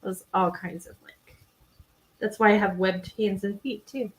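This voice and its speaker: A woman's voice: medium pitch, fairly even intonation, moderate pace, low-quality recording. A woman co-hosting a live true-crime podcast, chatting casually and rambling with frequent laughs. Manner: rambling, giggly, self-deprecating. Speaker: podcast co-host. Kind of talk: casual live-stream chat.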